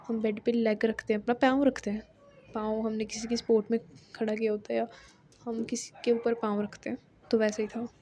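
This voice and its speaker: A woman's voice: a little high, warm tone, slight background noise. A woman narrating a love story in a casual, chatty way, full of fillers and asides.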